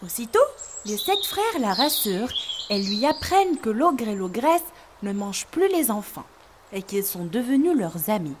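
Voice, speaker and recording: Woman reading a kids story, lively swoopy voice, a bit high, faint hiss. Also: moderate pace. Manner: clear, expressive, storytelling. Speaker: narrator. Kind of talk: scripted storybook narration for learners.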